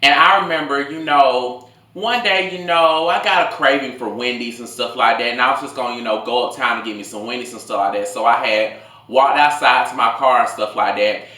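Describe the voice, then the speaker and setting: A man in his late twenties telling a casual, rambling story in slangy, animated talk as a food vlogger. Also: mid-range voice, fairly quick. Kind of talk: casual storytime told over a meal. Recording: echoey room.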